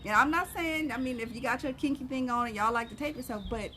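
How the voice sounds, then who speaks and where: A woman's voice: sits high, fast talker, bright, forceful tone. A woman co-hosting a relationship livestream from the backyard, giving conversational advice and posing rhetorical questions. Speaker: co-host of a relationship ministry livestream. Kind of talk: casual advice chat. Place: outdoors in a backyard. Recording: some background noise, outdoor livestream.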